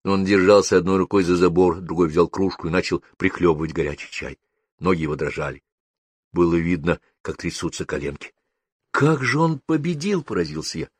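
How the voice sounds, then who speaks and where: A man reads a first-person story aloud as an audiobook, in a measured storytelling manner. His voice sits fairly low. The recording is dry and close, with no room sound. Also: flat delivery, no echo. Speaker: narrator. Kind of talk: audiobook narration.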